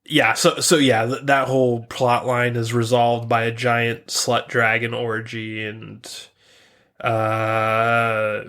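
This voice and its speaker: A young man co-hosting a podcast, retelling scenes with lively put-on voices, frequent laughter and swearing. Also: mid-range voice. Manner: animated storytelling, acts out scenes in quick put-on voices, laughs often, swears. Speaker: podcast co-host. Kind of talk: casual review chat.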